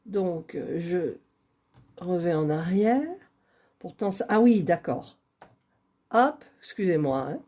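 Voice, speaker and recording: A woman's voice: lowish voice, animated, slow pace, pauses often, dark tone. A woman chatting casually while drawing giveaway winners on a computer, laughing at her own fumbling. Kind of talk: casual screen-recorded vlog.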